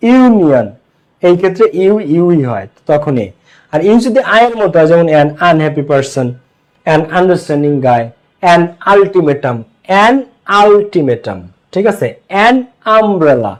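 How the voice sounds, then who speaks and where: A man leads an online English grammar lesson. His voice sits high for a man. He explains in Bengali, drills with repeated questions, and reads English example phrases slowly. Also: rough recording. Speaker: English teacher.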